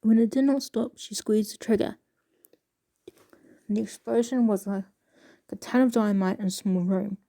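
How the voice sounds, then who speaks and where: A woman casually reading passages aloud with a halting, stumbling delivery and soft asides. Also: mid-range voice, steady tone, vocal fry. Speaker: video creator reading excerpts aloud.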